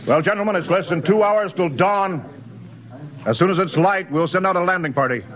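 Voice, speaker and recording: A man acting a commanding space captain in a 1950s radio play. His voice sits a little high and he gives orders with clipped military authority. The sound is dull vintage broadcast with a busy crowd of noise behind him. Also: brisk, natural voice. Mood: solemn, resolute. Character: commanding male spaceship captain, steady and resolute.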